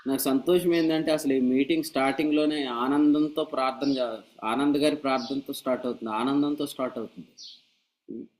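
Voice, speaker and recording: A man preaching a sermon at a church meeting, animated and scolding with humor and rhetorical questions. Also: medium pitch, a little fast, poor audio. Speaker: pastor.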